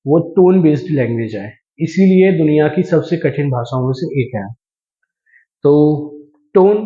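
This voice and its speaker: A man teaching a language class, explaining slowly and deliberately and repeating key terms, with English phrases mixed in. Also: fairly high pitch, dark tone. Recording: echoey room, dull lo-fi sound.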